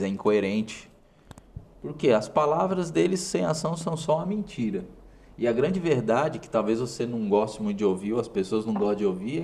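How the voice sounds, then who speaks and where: Creaky and dark-toned at a medium pitch, a Brazilian Portuguese-accented man hosts a motivational segment. He talks straight to the viewer with emphasis, hammering home brief, repeated phrases.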